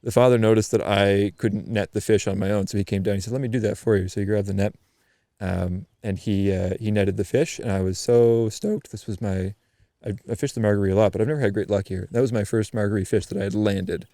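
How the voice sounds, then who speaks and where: Lively low-voiced man telling a story. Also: fairly quick, no echo, clean studio sound. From eastern Canada. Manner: animated storyteller, frequent ums and restarts. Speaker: podcast guest. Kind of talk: casual storytelling chat.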